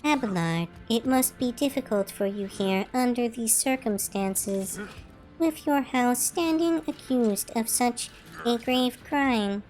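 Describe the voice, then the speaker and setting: A woman voicing a cold, mechanically augmented noblewoman from a game, speaking in a formal, measured way. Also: fairly high pitch, darkish tone, faint music behind.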